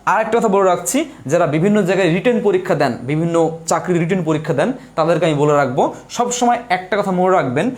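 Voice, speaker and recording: Speaking very fast in a high-pitched voice, a young exam prep teacher runs a live online lesson. He writes as he explains each step, repeats himself often, and keeps asking questions only to answer them himself.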